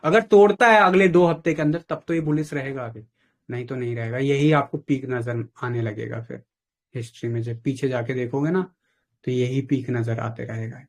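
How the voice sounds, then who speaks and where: A man's voice: medium pitch, fairly even intonation, normal speed. A man talking as a trading mentor with a caller, casual and blunt, dropping in phrases. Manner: blunt, advising, mixes in English phrases. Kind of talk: casual live chat with a caller.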